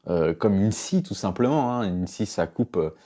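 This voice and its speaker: A man with a fairly low, mellow voice gives casual reaction commentary as a knife sharpener. He is blunt and exasperated, swearing and breaking into laughter often. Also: expressive, moderate pace.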